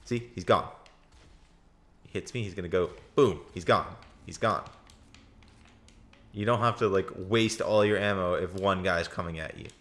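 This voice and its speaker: A young man co-hosting a casual let's-play, explaining the game's lore and calling out in excitement during fights. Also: low-pitched, normal speed, long pauses. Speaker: co-host of a gaming channel.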